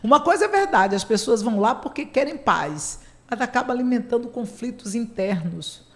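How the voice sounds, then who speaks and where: A woman's voice: fairly high pitch, lively intonation, moderate pace. A woman, a psychotherapist hosting a casual radio talk, chatty and playfully sarcastic, laughing often.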